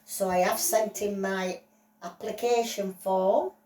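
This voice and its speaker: A woman voicing an excitable male dog on trial, gushing and apologetic in a playful toy-play story. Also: mid-range voice, slow pace, distant mic, natural voice. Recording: roomy echo, voice off-mic.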